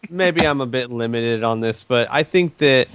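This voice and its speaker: A man's voice: mid-range voice, moderate pace, fairly bright tone, clean tone, dry recording. A man in casual chat on a podcast, talking with fillers and restarts. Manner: hesitant, many fillers and restarts. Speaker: podcast guest.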